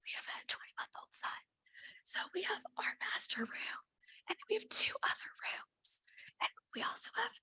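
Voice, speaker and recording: Woman applicant with no voice left, husky whisper, eager and apologetic. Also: very high voice, sharp tone, poor audio. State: lost her voice, whispering hoarsely. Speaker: property owner applying for a variance. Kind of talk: speaking at a public hearing.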